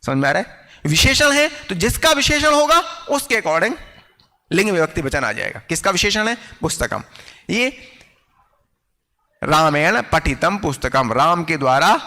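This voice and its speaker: Guy teaching a grammar class, bright voice, slows way down on example sentences, keeps asking if ya got it, long echo. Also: high-pitched, sing-song. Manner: explanatory, checks understanding often. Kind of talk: online class lecture.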